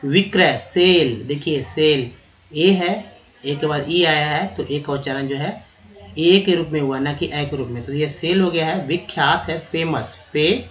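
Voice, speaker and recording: Man slowly spelling out words. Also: a little high, fairly bright tone, dull audio. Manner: spells out words letter by letter and repeats them slowly; addresses viewers as friends. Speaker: English teacher. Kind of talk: vocabulary lesson.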